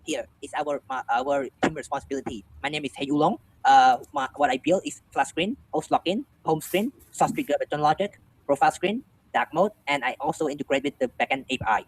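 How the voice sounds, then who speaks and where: A man's voice: on the high side, a little fast, rough recording. A young man introducing a student team project in a prepared presentation. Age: young adult.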